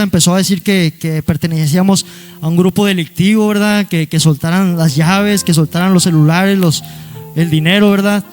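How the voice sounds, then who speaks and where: Telling his life story as a guest at church, this young Monterrey-area Mexican man speaks high-pitched with a darkish tone. His personal testimony comes out haltingly and repetitively, full of asides like "hermano," "¿verdad?" and frequent "aleluya."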